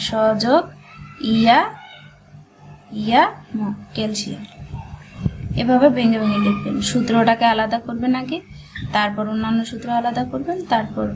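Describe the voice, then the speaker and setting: A woman leads a shorthand lesson, splitting each word into syllables and saying them again and again. Her voice sits a little high and moves very slowly. A faint noise hangs behind the recording. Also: fairly even intonation, poor audio. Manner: breaks words into syllables and repeats them patiently. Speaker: shorthand teacher. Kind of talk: slow step-by-step dictation lesson.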